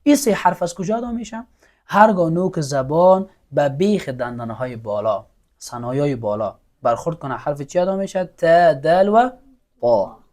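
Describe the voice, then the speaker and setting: This Quran recitation teacher has a voice on the high side, a darkish tone, and lively intonation. In a classroom setting, he patiently drills letter sounds for students to repeat and gives them praise.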